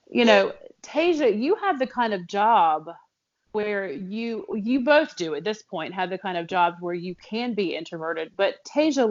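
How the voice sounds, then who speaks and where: A woman co-hosting a podcast in casual chat, talking animatedly with lots of fillers and restarts. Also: mid-range voice. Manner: animated, quick to laugh, with many fillers and restarts. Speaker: podcast co-host. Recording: slightly dull, lo-fi audio.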